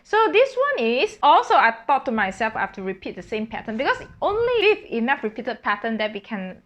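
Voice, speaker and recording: A woman's voice: a little high, huge pitch swings, fairly quick, fairly bright tone. A woman, a singer-composer, casually explaining how she wrote her piece, thinking aloud and breaking into sung solfège syllables. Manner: thinking aloud with fillers and self-corrections.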